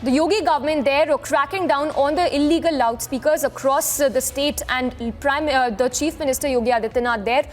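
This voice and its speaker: A woman with a high voice and an Indian accent anchors live breaking news. Ad-libbing haltingly, she repeats herself and keeps circling back over the same points as she reports.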